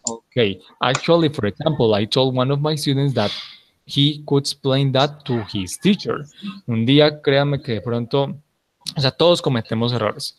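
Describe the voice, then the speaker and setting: A man's voice: mid-range voice, unhurried. A male teacher gives a grammar lecture in an ordinary mid-range voice, with a faint hiss behind him. He explains step by step and repeats the key points. He keeps stopping to check that the class has understood. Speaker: English teacher.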